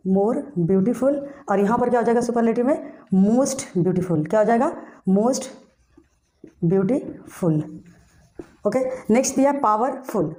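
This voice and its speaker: A woman's voice: fairly high pitch, dark tone. A woman teaching English grammar, asking herself questions and answering them, and spelling words out letter by letter. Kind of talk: classroom grammar lesson.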